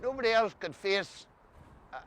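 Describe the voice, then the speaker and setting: A man with a Northern Irish Ulster Scots accent and a slightly high voice. He talks casually as a co-host, explaining dialect words and sharing homely anecdotes. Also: animated, normal speed, fairly bright tone, slight background noise.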